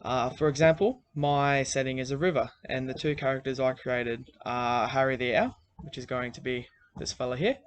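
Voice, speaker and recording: A man giving recorded class instructions in a relaxed way, with plenty of "um"s. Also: medium pitch, normal speed, few pauses, muffled recording, slight background noise. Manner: relaxed, many fillers. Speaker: teacher.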